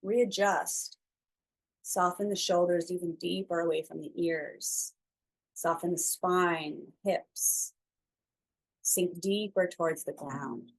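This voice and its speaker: Leading a slow guided breathing meditation, a female instructor speaks softly and soothingly in a lowish, steady voice, leaving long gaps between phrases. The recording quality is low.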